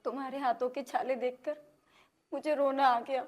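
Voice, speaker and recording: Give me a woman playing a loving young village wife with a soft, slightly high voice. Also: fairly even intonation, normal speed, natural voice. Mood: tearful. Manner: soft, affectionate. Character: devoted young village wife, tender-hearted.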